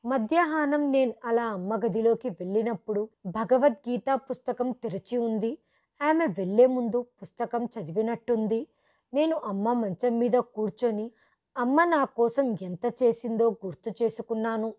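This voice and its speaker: A woman telling a first-person story in a steady, earnest scripted narration. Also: fairly high pitch, moderate pace.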